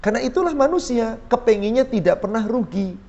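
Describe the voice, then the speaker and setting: Male preacher, a high voice, dull lo-fi recording, quizzing his listeners. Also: expressive, mellow. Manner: asks the audience questions and answers them; chants Quranic verses slowly. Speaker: ustadz preaching to a women's study group. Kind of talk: sermon. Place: small neighborhood prayer room.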